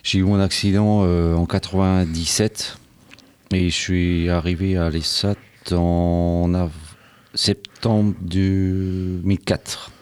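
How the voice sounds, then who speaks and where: A man's voice: low-pitched, level tone, slow, a little mellow, clean tone. A man in his forties answering questions in a radio studio, plain and hesitant, correcting himself as he goes. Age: 40s. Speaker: interviewee. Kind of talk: radio interview.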